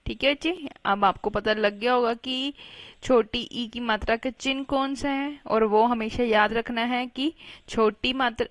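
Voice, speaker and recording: A woman teacher with a fairly high voice takes children through a Hindi reading lesson at a very slow pace. She spells each word out sound by sound, patiently and clearly, and her voice sounds dry and close. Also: steady tone, dry recording. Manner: patient, spells words out syllable by syllable.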